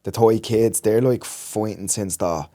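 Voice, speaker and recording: Male podcast host, easygoing, filler-heavy questions, lowish warm tone. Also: measured pace. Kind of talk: casual interview chat.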